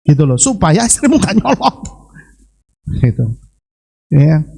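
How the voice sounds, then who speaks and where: A male pastor with a Javanese accent, preaching a sermon with rhetorical questions, sudden drops in pitch and a lively delivery. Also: unhurried, vocal fry, husky. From Central Java, Indonesia.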